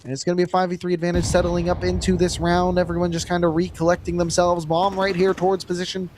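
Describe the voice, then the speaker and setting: A man calling live esports play-by-play, rattling off the action fast and shouting when big plays land. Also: high voice, completely flat delivery, noisy background. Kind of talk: live game commentary.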